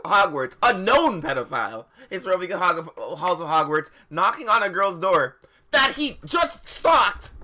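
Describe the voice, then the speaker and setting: A livestream host with a high-pitched, bright, forceful voice reads fan fiction aloud for dramatic effect. Theatrical and incredulous, he mocks the text with exaggerated emphasis in his asides.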